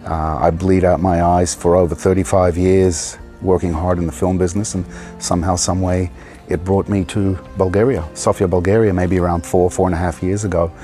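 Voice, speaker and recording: Lowish voiced guy in his 50s, chill storyteller, laughs a lot, outdoor interview with soft music under it. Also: a little fast. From Australia. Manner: relaxed storytelling, laughs often. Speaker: actor, interview guest. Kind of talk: casual interview. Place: outdoor garden.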